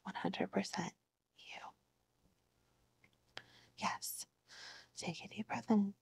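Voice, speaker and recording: A woman in a whispered role-play as a therapist, speaking in a breathy whisper with a soothing, encouraging manner. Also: medium pitch, fairly even intonation, slow pace. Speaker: ASMR performer playing a therapist. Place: living room at home, seated on a couch.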